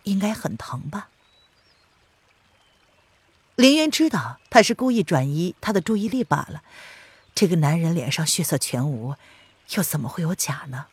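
A woman narrating an audiobook in an expressive storytelling read. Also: low-pitched, a little fast, husky, dry recording.

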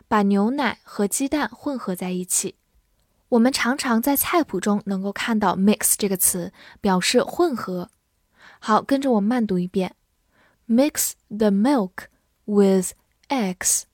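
A woman teaching English vocabulary in a calm, clear way. She spells words out letter by letter and reads example sentences slowly for her listeners to repeat. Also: medium pitch, dry recording, clean studio sound. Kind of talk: vocabulary lesson.

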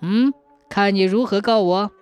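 A woman's voice: medium pitch, unhurried, darkish tone, clean tone, faint music behind, lightly acted. A woman voicing a pompous, hot-tempered male county magistrate in a folk tale, blustering and sneering.

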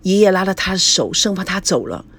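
A storyteller reads a scripted family drama in a steady, expressive way. The voice is husky and sits at a middling pitch. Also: brisk. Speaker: narrator.

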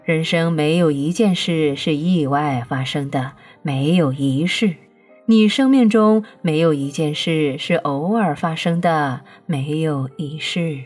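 A woman's voice: sits low, slow pace, a little mellow, soft background music. A woman reading as a patient divine voice. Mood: serene. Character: patient, all-knowing divine voice. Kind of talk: audiobook reading.

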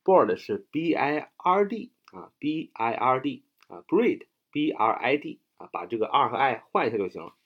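A man's voice: mid-range voice, moderate pace, few pauses, dull audio. A man teaching English vocabulary, spelling words letter by letter and explaining with memory tricks, chatty with many fillers. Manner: chatty, animated, frequent "啊" fillers.

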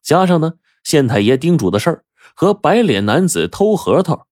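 A man telling a traditional story in a lively, animated storyteller manner. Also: on the high side, moderate pace, no echo, clean studio sound. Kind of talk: oral storytelling.

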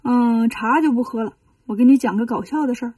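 A woman voicing a cocky male monkey king hero in a children's storybook reading, brisk and teasing. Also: fairly high pitch, dark tone, breathy edge, no room sound, recorded from a distance.

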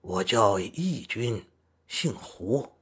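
A man's voice: fairly low pitch, very animated, very slow, husky, full character voice. A man voicing a stern old male fox-spirit patriarch in a storybook reading, speaking in a grave, formal, courteous way.

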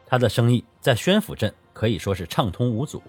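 A man narrating a historical novel as an audiobook, with expressive storytelling. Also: medium pitch, fairly quick, slightly rough, soft background music.

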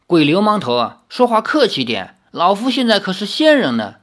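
A pompous old scholar spirit, as a reader plays him, lectures in a pedantic tone. His pitch moves up and down a great deal as he talks. It is a storybook reading. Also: very animated, moderate pace. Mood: lecturing. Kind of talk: audiobook reading.

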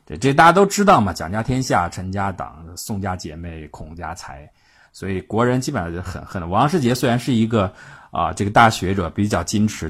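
A man's voice: low-pitched, breathy edge. A man telling history stories in a chatty, colloquial way, with frequent filler sounds. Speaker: history storyteller. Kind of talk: casual spoken history storytelling.

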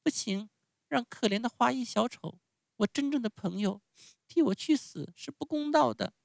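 A man voicing a small wooden puppet boy who pleads and then speaks up bravely, in a thin, high voice. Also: animated, normal speed, gravelly, dry recording, clean studio sound, full character voice.

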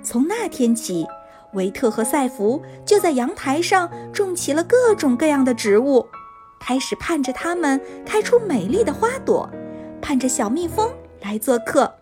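Woman, children's storyteller, high-pitched, very animated intonation, scripted narration, soft music behind. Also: normal speed. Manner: expressive storytelling for young children.

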